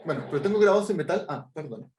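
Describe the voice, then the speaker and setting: Against a noisy background, a middle-aged man with a Chilean accent talks in an expressive voice on the high side. An artist and teacher, he gives an informal workshop talk about his work over video call, halting, restarting, filling pauses, and frequently asking "¿ya?".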